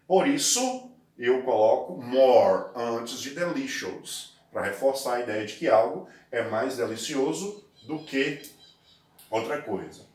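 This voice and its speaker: A man with a Brazilian Portuguese accent giving a recorded English lesson, explaining step by step and slowing down to spell out and stress words. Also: mid-range voice, echoey room, recorded from a distance. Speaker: English teacher.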